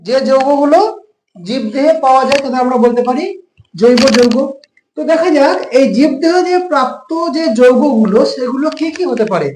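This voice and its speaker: High-voiced tutor with a West Bengal accent. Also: male voice, fairly quick, a little mellow, echoey room, a little hiss or hum, poor audio. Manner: explains step by step with frequent rhetorical questions. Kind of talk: classroom lesson explanation.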